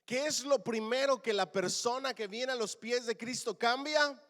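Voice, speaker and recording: A man preaching a sermon as pastor, calling the congregation to answer back and swinging between loud and soft lines. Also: extremely high pitch, normal speed, long reverb tail. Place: church.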